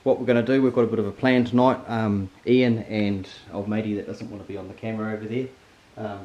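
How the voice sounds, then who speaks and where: A man's voice: on the low side, flat delivery, fast talker, dull audio. A man with a broad New Zealand accent, chatting casually and matily as the host of a hunting vlog. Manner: laid-back, matey slang. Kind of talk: casual outdoor vlog talk. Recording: faint outdoor background noise.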